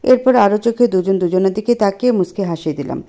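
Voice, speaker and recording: A woman narrating a first-person love story in an expressive storytelling manner. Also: medium pitch, a little fast.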